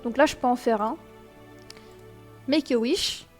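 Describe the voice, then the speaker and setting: A woman's voice: fairly high pitch, measured pace, faint music behind. A young woman hosting a casual game tutorial, chatty and explanatory, with many fillers and self-mocking asides, speaking into a desk microphone. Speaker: gaming tutorial host.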